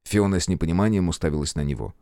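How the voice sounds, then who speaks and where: A man narrating an audiobook in measured, expressive scripted narration. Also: low voice, clear, resonant tone, no room sound, clean studio sound.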